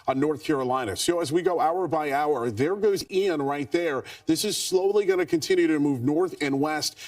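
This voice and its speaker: Higher-pitched American male meteorologist, slightly distant. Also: darkish tone. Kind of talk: live storm forecast commentary.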